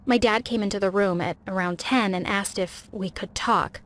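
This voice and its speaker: A young woman giving scripted first-person narration of an animated story, with a dramatic, emotional delivery. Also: medium pitch, moderate pace.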